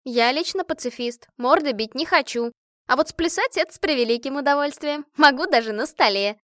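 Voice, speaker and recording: A woman voicing a brash, hot-tempered young woman who talks loudly and indignantly with rough slang. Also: high voice, a little fast, no echo, studio quality, voice pushed up. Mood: gossipy.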